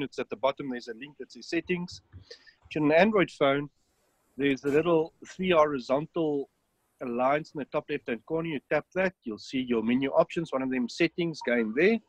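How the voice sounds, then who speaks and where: A South African app developer with a fairly high voice demonstrates, step by step, how to set up a phone app during an online webinar, saying "um" frequently. The online-call recording is low quality but has no echo.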